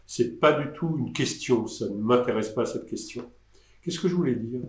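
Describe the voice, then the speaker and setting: Hesitant and rambling, with frequent restarts, a man in his sixties fields questions in a live online session, talking at normal speed and medium pitch. The artist sits at a desk in an indoor room, recorded by a webcam with roomy audio.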